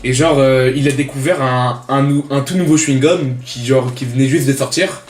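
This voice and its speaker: A young man telling jokes casually and deadpan, slangy and halting, often repeating himself. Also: mid-range voice. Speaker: contestant in a joke-telling challenge. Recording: roomy echo, music behind. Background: music.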